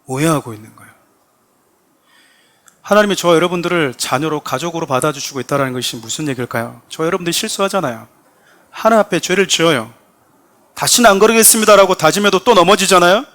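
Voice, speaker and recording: A man's voice: fairly high pitch, expressive, fast, a bit bright. A man, a pastor, preaching a sermon and speaking directly to his congregation, often acting out quoted lines with rising emphasis. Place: church sanctuary.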